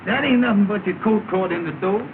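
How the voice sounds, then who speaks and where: A man's voice: sits high, fast. An actor playing Amos, a jittery, timid young man who talks in a nervous, folksy, ungrammatical way, in a 1930 film comedy. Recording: tinny, hissy 1930 film soundtrack.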